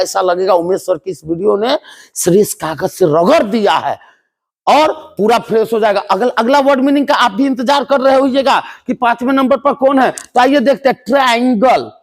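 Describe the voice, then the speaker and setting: In a high voice, a man coaches board exam students on English spelling and pronunciation. His style is animated and humorous, with teasing scolds aimed at the class.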